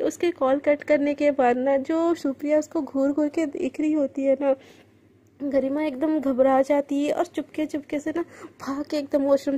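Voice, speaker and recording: A woman's voice: high-pitched, warm tone. A woman telling a love story aloud in a casual, conversational way.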